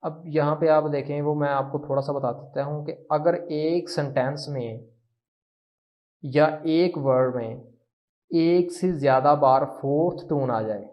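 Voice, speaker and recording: A man teaching a language lesson, patient and repeating each phrase slowly for practice. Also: on the high side, steady tone. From Pakistan. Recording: muffled lo-fi recording.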